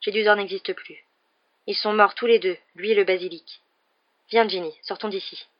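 Woman reader doing a firm teen boy, urgent and steady, muffled lo-fi sound. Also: mid-range voice, moderate pace, close to an everyday voice. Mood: reassuring.

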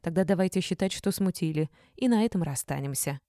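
A woman reading a cool, defiant young woman clerk who talks in brisk, curt, unbothered replies. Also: fairly low pitch, dark tone, dry recording, clean studio sound, lightly acted.

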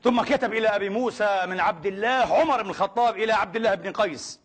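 A man's voice: sits high, very fast, slightly rough. A man preaching a sermon with passion and emphasis, firing off rhetorical questions. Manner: impassioned, emphatic, asks many rhetorical questions.

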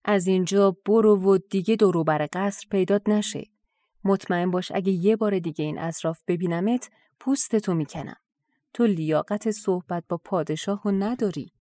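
A woman's voice: on the low side, dark tone, dry recording, clean studio sound, close to an everyday voice. A woman doing a rude blustering gatekeeper. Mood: threatening. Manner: threatening, blustering. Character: rude greedy male palace gatekeeper.

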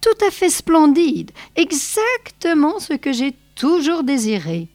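Woman playing a fussy tall man, voice hoarse with emotion, raised high, storybook. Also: sing-song, takes it slowly, darkish tone, dry recording. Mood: delighted. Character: tall man, delighted, fussy about his own funeral.

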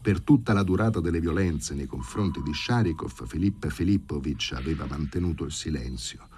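A man reading a novel aloud in an expressive, theatrical way. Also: a bass voice, brisk, slight background noise. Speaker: audiobook reader.

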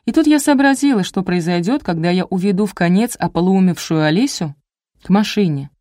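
A woman reading a first-person detective audiobook in a brisk, wry storytelling manner. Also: fairly low pitch, lively intonation, warm tone, no room sound, clean studio sound. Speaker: audiobook narrator. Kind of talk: scripted first-person narration.

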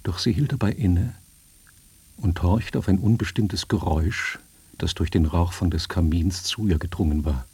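Deep husky male narrator. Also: dry recording. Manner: measured, even storytelling. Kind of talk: scripted narration of a literary story.

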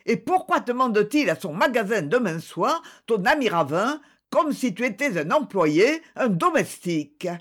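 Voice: medium pitch, big pitch swings, normal speed, hardly any pauses, pitched above the performer's own voice. A reader voicing a grumbling, bitter middle-aged innkeeper's wife in an audiobook. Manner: scolding, sharp outbursts.

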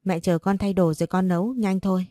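A woman voicing a gentle young man who speaks to his fiancée and mother in a caring, reassuring way. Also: mid-range voice, fairly even intonation, fairly quick, dry recording, clean studio sound, lightly acted.

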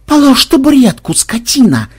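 A man's voice: big pitch swings, moderate pace, mellow, breathy edge, exaggerated voice. A man voicing a haughty old female shop owner in an audiobook, prim and indignant. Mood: shrill. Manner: prim, indignant, shrill when angered.

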